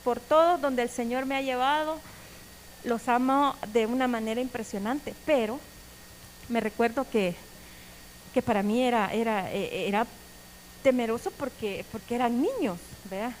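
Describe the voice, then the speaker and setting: A middle-aged woman, giving an earnest personal testimony sermon in a strong, loud voice. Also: fairly high pitch, moderate pace, slight background noise, poor audio. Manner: strong, loud voice, cannot speak softly; earnest, emotional storytelling. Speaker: preacher.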